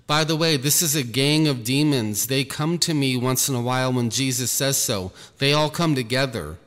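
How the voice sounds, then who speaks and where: A man giving an earnest personal testimony about his ministry, talking slowly and repeating himself. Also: medium pitch, fairly bright tone, in a large hall. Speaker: ministry leader.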